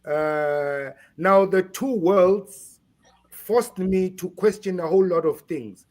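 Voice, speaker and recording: A man from South Africa being interviewed on a podcast, speaking haltingly and repeating words while he searches for them. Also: high voice, a little mellow. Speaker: guest.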